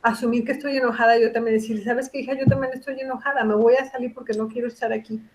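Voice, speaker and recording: Reflective woman, slightly high voice. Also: fairly even intonation, fast talker. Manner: reflective, explains with examples and quoted dialogue. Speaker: guest psychologist. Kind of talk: casual podcast conversation.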